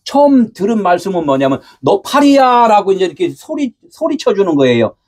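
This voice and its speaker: A pastor preaching a sermon, asking his listeners questions and answering them himself, at times raising his voice to a shout. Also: high voice, sing-song, fairly quick, slightly rough. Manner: asks the congregation rhetorical questions and answers them.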